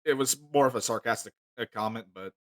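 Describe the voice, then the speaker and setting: A man on a casual voice call who asks pointed questions in a halting way, often restarting and getting louder as he presses. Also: mid-range voice, slight background noise.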